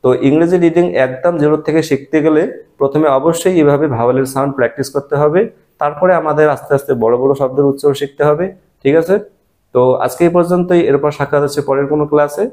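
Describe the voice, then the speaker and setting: A man teaching a beginner English reading class. He spells out letters, sounds out each syllable and repeats words slowly, checking in often. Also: fairly high pitch, steady tone, darkish tone. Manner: patient, repeats each word slowly, checks in with "all right?". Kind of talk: step-by-step phonics lesson.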